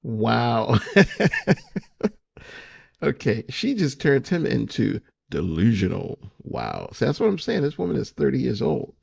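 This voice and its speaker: Gravelly, blunt man in his fifties. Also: medium pitch, wildly swooping pitch, unhurried, a little mellow. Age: 50s. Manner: blunt, opinionated. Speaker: relationship coach reacting to a dating show. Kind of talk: reaction commentary. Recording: dull lo-fi audio.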